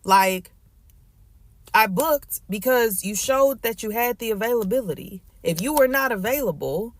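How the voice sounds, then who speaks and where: A woman voicing a casual social media complaint, deliberate, emphatic and annoyed. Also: a little high, lively intonation, dry recording. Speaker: salon client.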